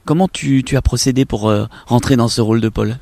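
A man hosting a TV interview, presenting guests in lively presenter patter. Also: medium pitch, a little fast, creaky, dry recording. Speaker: TV host.

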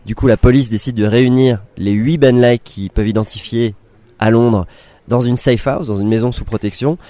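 A man, a film director guest, explaining his work in a relaxed way, with restarts and fillers. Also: mid-range voice, normal speed, dry recording. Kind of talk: casual studio interview.

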